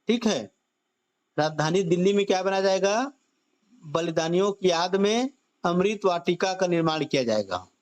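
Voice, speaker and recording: A man's voice: high-pitched, animated, normal speed, dull audio. A man teaching an online exam-prep class on current affairs, drilling students with repeated questions and stretching out key phrases.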